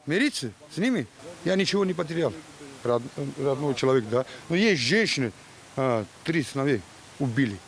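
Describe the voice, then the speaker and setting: A man's voice: medium pitch, sing-song, a little fast, rough recording. A man answering as a local villager in a street interview.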